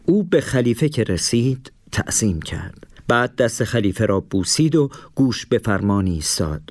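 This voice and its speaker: A man narrating a storybook in a steady, measured way. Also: medium pitch, dry recording.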